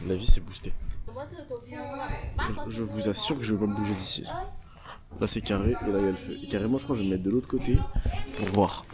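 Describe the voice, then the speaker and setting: A man's voice: fairly low pitch, fairly even intonation, brisk, long pauses. A young man casually vlogging on a trip, chatting with enthusiastic slang. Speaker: travel vlogger. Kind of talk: casual vlog talk to camera. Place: homestay on a mountain travel loop.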